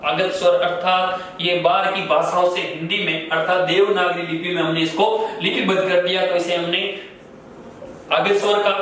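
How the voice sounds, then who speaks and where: A man with a high-pitched, slightly bright voice teaches a grammar class, posing questions and answering them himself while repeating key terms. The recording comes from a very echoey room, far from the mic, with faint noise.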